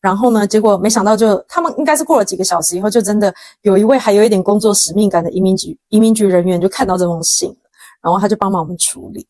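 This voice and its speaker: A young woman with a Taiwanese Mandarin accent, hosting a podcast and telling a story in a casual, animated way, acting out quoted lines with slang. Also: mid-range voice, rapid-fire, dry recording. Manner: animated, dramatic retelling with quoted dialogue and slang. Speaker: podcast host.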